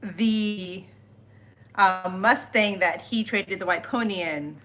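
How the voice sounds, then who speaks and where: A woman's voice: medium pitch, slow, bright, forceful tone. A woman making teasing, laughing asides to her husband in a home garage. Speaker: host's wife. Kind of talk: casual chat.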